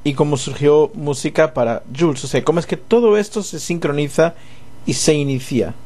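A man's voice: on the high side, moderate pace, darkish tone. A man hosting a radio interview, rambling and restarting his questions as he goes. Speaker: radio show host.

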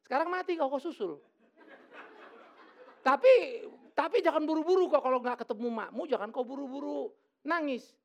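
A middle-aged male pastor preaching a lively, joking sermon in church. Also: very high-pitched, normal speed, vocal fry, pauses often. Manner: lively, joking, acts out quoted voices.

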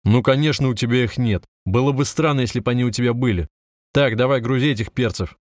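Audiobook role: cocky young officer, sarcastic, brisk; male reader puts him on. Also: mid-range voice, dry recording, clean studio sound, voice pushed up, natural voice. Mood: mocking.

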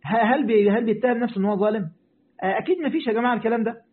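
A man with an Egyptian Arabic accent, a sheikh teaching Quran commentary, gives a religious lesson in a very high-pitched, racing voice. He addresses his listeners directly, repeats his points, and answers their questions. The recording sounds tinny, like a phone line.

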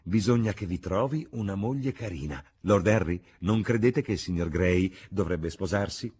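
A man's voice: low-pitched, animated, moderate pace, darkish tone, husky, voice pushed up. A man voicing a chattering elderly aristocratic hostess, gushing and theatrical. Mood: gossipy.

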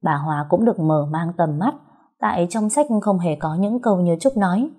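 A young woman tells a story with steady, expressive narration. Her voice sits low and dark, with a husky edge. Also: normal speed.

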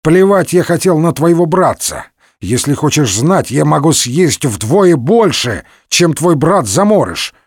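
Guy putting on a big loudmouth musketeer who brags about eating, husky, raised voice. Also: a little high, very animated, measured pace, dry recording, clean studio sound, pitched above the performer's own voice. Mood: blustering. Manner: loud and blustering. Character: boastful gluttonous hulking male musketeer.

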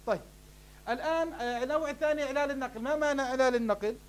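The voice is a man's, very high, very fast, and smooth. As a sheikh lecturing on Arabic morphology, he works through questions and his own answers, warmly addressing the class as "beloved ones."

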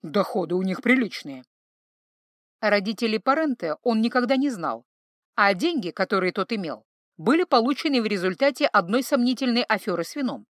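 A woman reading a novel aloud in measured, wryly expressive narration. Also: on the high side, no echo, studio quality. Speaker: audiobook narrator. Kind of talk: scripted narration.

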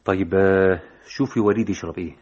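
A man's voice: low voice, fast, noisy background, close to an everyday voice. An actor playing a stern, short-tempered engineer and father with an Egyptian accent in an old radio drama. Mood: businesslike. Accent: Egyptian Arabic. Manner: curt, brusque, impatient. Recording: dull old radio recording with music.

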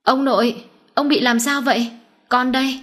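A young wife of the household, shaken and worried, calls out in a stammering voice, as a woman narrator puts her on. Her voice sits well above its usual pitch. It is an audio storybook reading. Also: fairly even intonation, normal speed, a bit bright. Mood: anxious.

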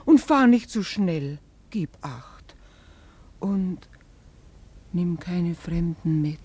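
Actress as anxious older mother, breathy, husky edge, radio play. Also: lowish voice, expressive, extremely slow, mellow, dry recording, full character voice. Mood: worried. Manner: fretful, pleading. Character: worried mother seeing off her son.

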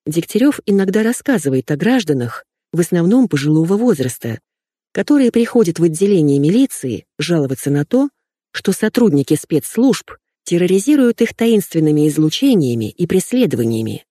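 Woman reading an audiobook in first person, lots of melody, mellow lowish voice, dry close sound. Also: big pitch swings, a little fast, dry recording. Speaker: audiobook narrator.

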